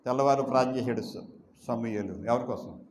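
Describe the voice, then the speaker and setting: A man delivering a sermon, pressing his points with rhetorical questions and slow repeated phrases. His voice rings in a roomy, echoing space with a faint hum of noise behind him, at a middle pitch. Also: darkish tone. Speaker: pastor.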